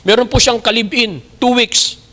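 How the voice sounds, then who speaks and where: A man's voice: very high-pitched, steady tone, normal speed, pushed and bright. A young adult male pastor with a Filipino accent, preaching a sermon in rising, emphatic bursts.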